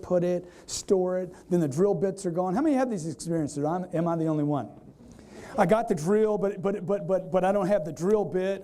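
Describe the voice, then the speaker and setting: A man giving an energetic live sales seminar, quizzing the audience and acting out customers in quoted voices. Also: high voice. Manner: energetic, repetitive, keeps quizzing the crowd. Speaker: sales trainer.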